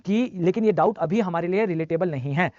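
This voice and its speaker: Teaching an online class, this man speaks fairly quickly in a high, slightly mellow voice. He repeats lists over and over so students memorize them, sprinkling English phrases into Hindi. The audio is dry, dull and lo-fi.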